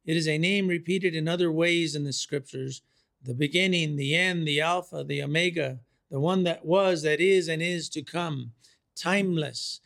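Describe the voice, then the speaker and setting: A man preaching a sermon, slow and deliberate, repeating key phrases for emphasis. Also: fairly high pitch, creaky, a bit bright.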